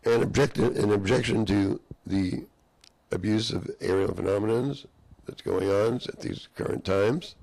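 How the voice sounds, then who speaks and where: A hoarse man with a lowish, slightly mellow voice rambles at normal speed in a monologue. He drifts between half-finished sentences and phrasing that mimics a courtroom.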